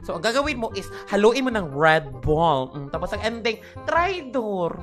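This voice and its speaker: Her voice sits at medium pitch with big swings, a bit bright, at a moderate pace, over soft background music. She's a young woman casually chatting on a game stream, tired and with a headache, yet greeting viewers by name with sudden shrieks.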